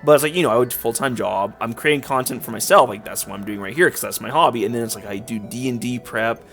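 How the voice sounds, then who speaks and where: A man's voice: mid-range voice, fast talker, a bit bright. A man giving casual commentary while playing a game, rambling on with lots of filler words. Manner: rambling, filler-heavy, frequent "like". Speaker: let's play YouTuber. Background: faint game music.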